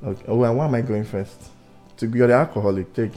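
A man's voice: mid-range voice, quick pace, mellow, soft background music. A man from Nigeria with a thick Igbo Nigerian accent, hosting a podcast in an easygoing, teasing way. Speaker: podcast host. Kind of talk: casual chat.

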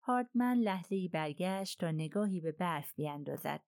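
A woman's fairly low voice reads a crime novel aloud for an audiobook, calm and consistent throughout. The recording is dry and intimate, free of any room sound.

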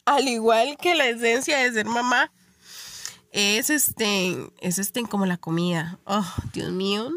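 A woman's voice: mid-range voice, fairly bright tone, no room sound, studio quality. A young woman with a Costa Rican accent, hosting a podcast and telling stories in a chatty, filler-heavy monologue. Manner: chatty storytelling with frequent fillers. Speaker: podcast host. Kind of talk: casual monologue.

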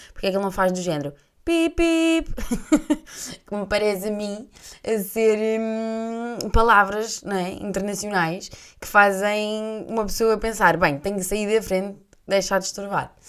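A young adult woman with a European Portuguese accent, hosting a casual chat and telling anecdotes in an animated way, laughing often and acting out voices. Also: mid-range voice. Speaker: podcast host.

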